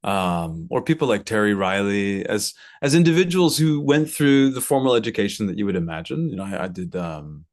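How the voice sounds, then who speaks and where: Speaking on the low side, fairly quickly and with few pauses, this American man in his thirties is interviewed as a composer and violinist from Brooklyn. He is reflective, hunting for words and repeating some to stress them.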